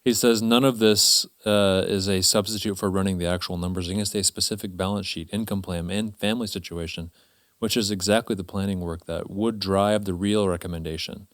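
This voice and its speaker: Smooth low-voiced male co-host. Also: steady tone, fairly quick, no echo, clean studio sound. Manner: easygoing, short agreements and soft laughs. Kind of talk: casual chat, reading aloud.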